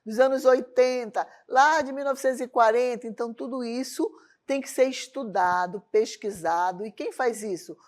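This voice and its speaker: A woman's voice: fairly high pitch, normal speed. A woman teaching a televised arts lesson, often checking in with the class through rhetorical questions. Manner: asks rhetorical questions to the class, tag questions like "certo?". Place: lesson studio with a loom as a prop.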